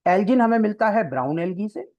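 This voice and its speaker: A coaching teacher at a classroom board walks through an exam-prep biology lesson step by step, pausing often to check that students follow and mixing English terms into the explanation. The voice sits at a middle pitch, and the recording sounds a little dull and lo-fi. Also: expressive, warm tone. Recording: slightly dull lo-fi lecture recording.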